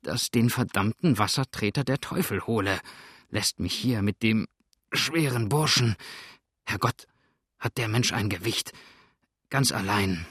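A man's voice: medium pitch, measured pace, vocal fry, dry recording. A nervous pirate's helper mutters and frets in an anxious, complaining voice, as a male narrator puts him on. The storybook recording sounds dry and close. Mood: grumbling. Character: timid grown male pirate's helper, fearful.

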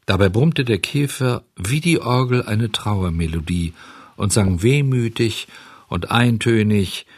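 A man narrates a storybook in a low, husky voice, calm and measured. The recording is dry and close, with no room sound. His reading is steady and plain. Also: no room sound. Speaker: audiobook narrator.

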